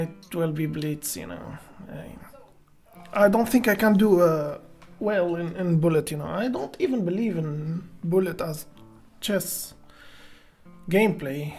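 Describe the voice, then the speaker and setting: A woman's voice: lowish voice, darkish tone. A woman streaming chess, greeting viewers by name and thinking aloud about her moves with hesitant restarts. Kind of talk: live-streamed chess commentary.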